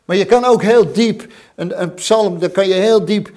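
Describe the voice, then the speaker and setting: Guy preaching a sermon, kinda high voice, earnest and repeats stuff. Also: normal speed, darkish tone. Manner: earnest, repeats phrases, fervent on prayers.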